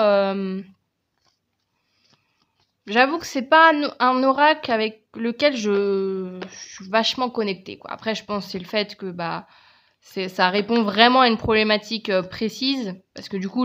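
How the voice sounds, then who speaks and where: A woman's voice: mid-range voice, a bit bright. A woman with a French accent presenting her oracle card decks in a casual, chatty video, often hesitating and restarting her sentences. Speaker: tarot and oracle card reviewer.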